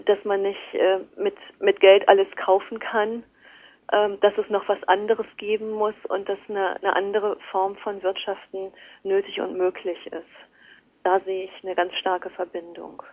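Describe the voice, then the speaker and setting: A woman's voice: medium pitch, level tone, a little slow. A woman speaking as a guest in a radio interview, thoughtful and hesitant with many fillers, heard over a phone line. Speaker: guest, works at a financial institution. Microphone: telephone.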